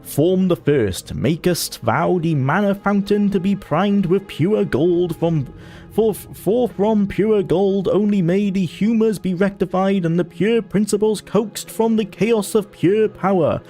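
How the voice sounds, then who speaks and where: A man's voice: sits high, unhurried, warm tone, faint music behind, pitched above the performer's own voice. A man reading archaic game text in the voice of a pompous old male scholar, grandiose and stumbling over words.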